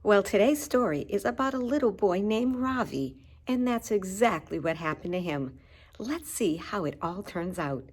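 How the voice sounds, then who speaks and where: Reading a picture book to young listeners, this story-time host uses a husky, mid-range voice at a moderate pace. She's expressive, talks straight to the kids, and punches key words for dramatic effect.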